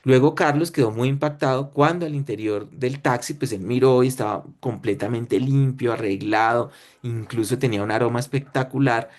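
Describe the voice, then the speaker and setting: A man with a Colombian accent tells a story to a webinar audience in short spoken phrases. He keeps checking in with his listeners as he goes, at a middle pitch for a man. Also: moderate pace, a little mellow. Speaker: webinar speaker. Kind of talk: storytelling lecture.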